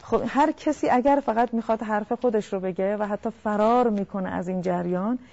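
A woman counselor calmly explaining family communication on a talk show, speaking directly to listeners. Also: medium pitch, highs cut off.

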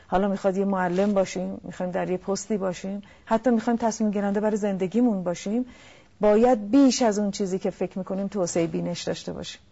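A woman counselor calmly explaining family communication on a talk show, speaking directly to listeners. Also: medium pitch, breathy edge, muffled recording.

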